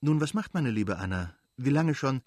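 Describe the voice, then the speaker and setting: A man's voice: mid-range voice, lively intonation, normal speed, darkish tone, no echo, clean studio sound, voice pushed up, close to an everyday voice. A man voicing a jovial, sociable middle-aged nobleman who speaks effusively in an audiobook reading. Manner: effusive, hearty.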